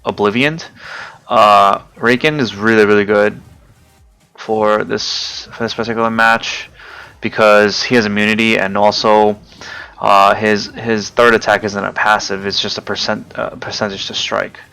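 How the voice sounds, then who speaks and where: A man giving casual, hesitant commentary over his own gameplay, often pausing with fillers and forgetting names. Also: fairly low pitch, fairly even intonation, vocal fry, pushed and bright, clear, resonant tone. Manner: hesitant, many fillers, loses track of names. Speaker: gaming video creator.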